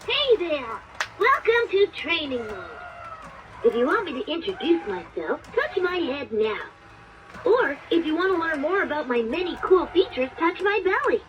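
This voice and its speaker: A woman's voice: sits high, big pitch swings, normal speed, lo-fi sound, noisy background. A woman voicing a cheerful, childlike robot panda toy, giving bouncy scripted instructions. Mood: chirpy instructive. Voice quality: bright, bouncy, sing-song. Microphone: played from a toy speaker in the room.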